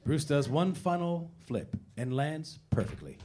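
A man narrates a comedy script, reading out the stage directions. His voice is on the high side and very animated. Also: unhurried.

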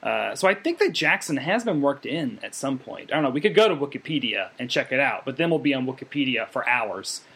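A man's voice: mid-range voice, sing-song, a little fast, vocal fry, few pauses, a bit bright, slightly rough. A man in casual chat who talks in a chatty, knowledgeable and loose way.

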